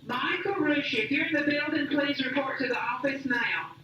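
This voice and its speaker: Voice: high voice, normal speed, dull audio. A voice making a school announcement over the intercom, calling a student to the office. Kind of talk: public address announcement. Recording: distant echoey intercom over noise.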